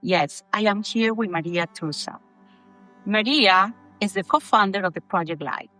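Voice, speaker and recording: Woman interviewer, bright sound, friendly questions with small restarts, faint music behind. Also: mid-range voice, moderate pace, rough recording.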